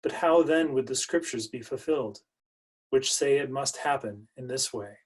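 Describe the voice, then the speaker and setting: A husky-voiced man in his forties reads scripture aloud. He has a mid-range pitch and sounds a little distant from the microphone on a home video call. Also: normal speed. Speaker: lay reader of Jesus's words in a passion play. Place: small home room, indoors. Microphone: video call, computer microphone.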